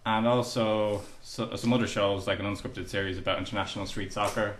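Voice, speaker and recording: A man hosting a casual gaming podcast, reading news with many pauses and restarts. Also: fairly low pitch, flat delivery, a bit bright. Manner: hesitant, many ums and restarts. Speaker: podcast host. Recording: roomy echo with faint noise.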